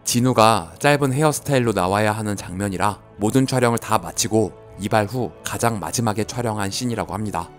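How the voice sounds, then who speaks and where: A man narrating a film commentary in a calm, informative way, with light jokes. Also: fairly low pitch, brisk, few pauses, soft background music. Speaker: movie channel narrator.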